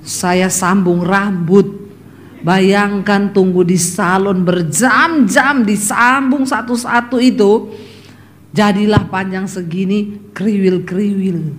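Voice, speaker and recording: A woman's voice: mid-range voice, fairly even intonation, takes it slowly. A middle-aged woman delivers a sermon full of personal stories. She tells them vividly, slipping into her family members' voices and turning often to address the congregation directly. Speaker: preacher.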